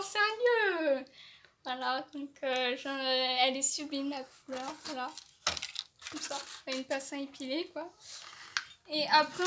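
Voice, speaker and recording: High-voiced, unhurried woman unboxing beauty products. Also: background noise. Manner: hesitant, many fillers and restarts; enthusiastic about products. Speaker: beauty vlogger. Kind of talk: casual advent calendar unboxing.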